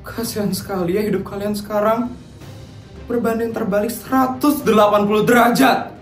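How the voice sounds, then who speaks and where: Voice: mid-range voice, fairly even intonation, normal speed, lightly acted. A voice actor playing a woman in a cartoon who gloats and taunts a family that once mistreated her. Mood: taunting. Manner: taunting, mocking. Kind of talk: cartoon voice acting. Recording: roomy echo with faint music.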